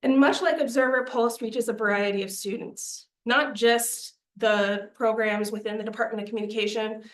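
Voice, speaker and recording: A woman's voice: on the high side, fairly even intonation, moderate pace. A young woman presenting a student media budget to a committee, earnest and persuasive, a little out of breath. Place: meeting room. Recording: echoey meeting room.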